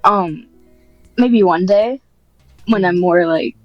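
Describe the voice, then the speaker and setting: A woman script writer, a podcast guest, chats casually in an interview, sounding modest, informal and hesitant. Her voice is fairly low-pitched and slow. The audio is dull with no room sound, and soft music plays in the background.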